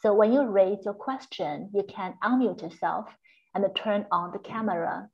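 A woman hosts an online lecture, moving through a polite, formal introduction and a few housekeeping notes. Her voice has an ordinary middle pitch, and the call audio comes through dull and a little lo-fi. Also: moderate pace, a little mellow. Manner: polite, formal, reads carefully. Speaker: host and moderator. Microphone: video call.

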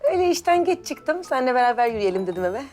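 An actress in her late twenties playing a young bank employee who bickers in quick, whiny exasperation with her parents. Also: on the high side, very animated, a little mellow, faint music behind. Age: late 20s. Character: young woman fed up with her nagging parents. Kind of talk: film dialogue.

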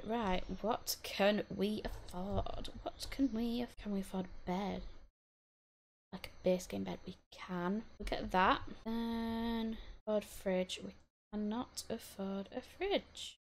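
A woman giving casual, chatty commentary while playing a life-sim game, giggling, talking to her characters and breaking into excited bursts. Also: mid-range voice, measured pace, a little hiss or hum. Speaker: gaming channel host.

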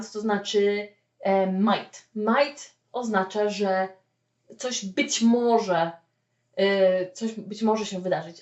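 A woman teaching a spoken English lesson, explaining with lively "okay?" check-ins. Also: mid-range voice. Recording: echoey room, mic at a distance, dull lo-fi sound.

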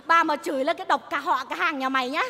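An actress playing a feisty, foul-mouthed woman wine seller who scolds in rapid tirades in a stage comedy sketch. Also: high-pitched, pushed and bright. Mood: furious scolding. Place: theater stage. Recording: reverberant stage hall.

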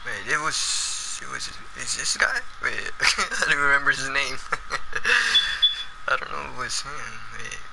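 A man's voice: medium pitch, very animated, measured pace, gravelly, background noise. Laughing young man streaming a game. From El Salvador. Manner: laughs often, amused and teasing. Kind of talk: casual gaming livestream chat.

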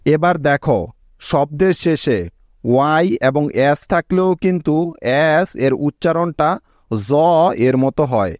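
A man teaching English pronunciation in a slow, step-by-step lesson, spelling out words letter by letter and checking often that the listener follows. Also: a little high, animated, a little mellow, dry recording, studio quality.

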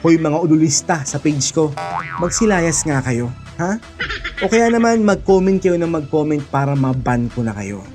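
A man vlogging political commentary in a fired-up, taunting voice that sits a bit high for a man. He scoffs, laughs with contempt and swears freely while speaking straight to his target and his viewers. Clear music plays underneath. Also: sing-song, normal speed. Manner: mocking, heated, laughs scornfully, swears often; speaks directly to the president and to viewers as "mga idol". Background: background music.

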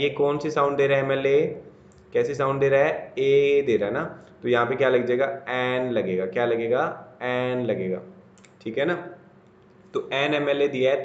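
A man's voice: mid-range voice, echoey room, muffled recording. A man from India with a Haryanvi Hindi accent gives a classroom grammar lecture, asking questions and answering them himself. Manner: asks and answers his own questions, repetitive. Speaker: teacher.

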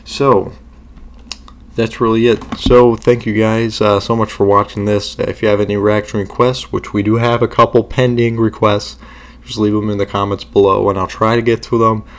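A man's voice: on the low side, little pitch movement, moderate pace. A man hosting a reaction video, talking casually and rambling with many fillers.

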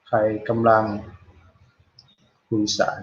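Slow, patient male teacher, lo-fi. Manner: explains slowly, repeating words and pausing to quiz students; reads English model dialogue phrases aloud, drawn out. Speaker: English teacher. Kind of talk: online classroom lesson.

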